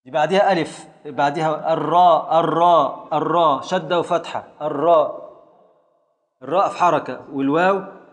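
Egyptian man quizzing a class, higher voice. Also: fairly even intonation, normal speed, in a large hall. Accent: Egyptian Arabic. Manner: quizzing students step by step with repeated questions. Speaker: teacher. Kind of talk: classroom lesson.

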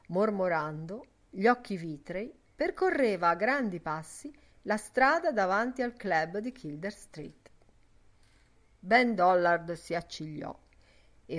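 A woman narrating a literary novel as an audiobook in a measured, even reading. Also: lowish voice.

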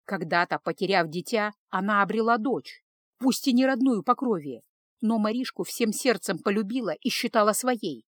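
A woman's voice: medium pitch, moderate pace, dry recording. Woman narrating a romance audiobook, dry close voice. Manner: steady, emotive storytelling.

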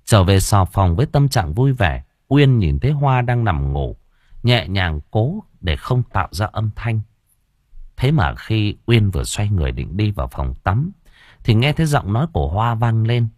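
Lively male audiobook storyteller. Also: lowish voice, dry recording, studio quality. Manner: lively, expressive reading with quick dialogue. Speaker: audiobook narrator. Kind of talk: storytelling narration with character voices.

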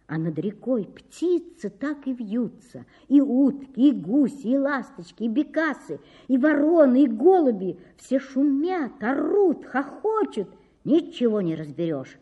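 A woman reading a children's fairy tale aloud in an expressive storytelling manner. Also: high-pitched, husky.

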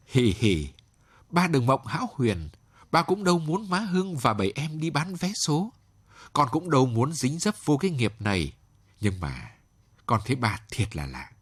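A man's voice: medium pitch, big pitch swings, normal speed, slightly rough, no echo, voice pushed up. A man voicing a weary, blunt young woman who works as a nightclub dancer, in a storybook reading. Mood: weary frank.

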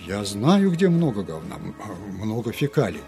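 A man's voice: medium pitch, very animated, moderate pace, warm tone, faint music behind, natural voice. A man playing a timid, blurting clerk. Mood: dry blurting. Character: timid, blurting middle-aged male clerk.

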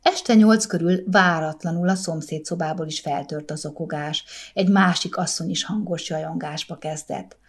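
Lady reading a story aloud, calm gentle pace, lowish voice. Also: few pauses. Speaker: narrator. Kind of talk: audiobook narration.

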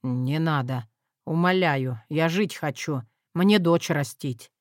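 A woman voicing a hoarse, gruff young man who grumbles wearily in an audiobook. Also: sits low, takes it slowly, dry recording, studio quality. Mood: pleading. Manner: grumbling, weary.

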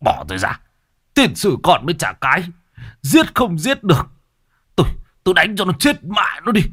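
A hot-tempered older father barks and scolds in a husky, forceful voice, as a man puts him on. His pitch swings about as he rants, a gruff villager in a told ghost tale. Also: big pitch swings, normal speed, exaggerated voice. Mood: furious. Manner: angry shouting, scolding.

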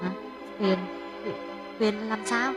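A woman's voice: medium pitch, fairly even intonation, drawn-out words, over music. A woman voicing a gossipy younger woman who keeps asking questions in an audiobook. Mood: anxious. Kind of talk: audiobook dialogue reading.

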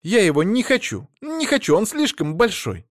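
A man's voice: fairly high pitch, big pitch swings, moderate pace, dry recording, clean studio sound, pitched above the performer's own voice. A man voicing a silly, childish, vain young wife in a pouty, wheedling voice. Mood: shrill, indignant.

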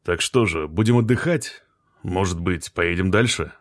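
A man voicing a condescending older male scientist who speaks hesitantly, a bit lower. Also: normal speed, no echo, studio quality, close to an everyday voice.

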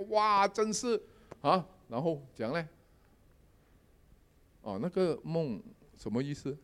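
A man giving a sermon testimony, telling his dreams in a lively storytelling manner with English words mixed in. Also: on the high side. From Malaysia. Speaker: lay preacher.

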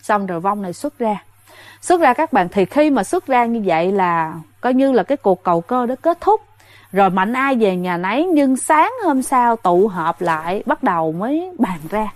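A woman's voice: medium pitch, very animated, normal speed, no room sound. A woman telling a ghost story in a casual, chatty way, often speaking to her listeners directly. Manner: chatty, addresses listeners directly, many fillers.

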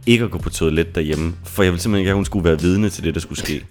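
A man's voice: low-pitched, a little mellow, faint music behind. A man co-hosting a podcast in casual chat, joking and rambling through stories from a sofa, into a mic on a robot arm. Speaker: podcast co-host. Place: living room sofa at co-host's home.

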